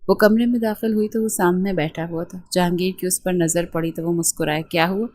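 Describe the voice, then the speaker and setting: A woman narrating a romance novel in a steady, gentle storytelling manner. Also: lowish voice. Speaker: novel reader.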